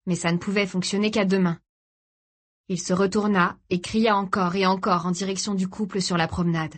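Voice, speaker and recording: A woman reading a dramatic novel aloud in a steady, grave storytelling voice. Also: mid-range voice, moderate pace. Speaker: audiobook narrator. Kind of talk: scripted dramatic narration.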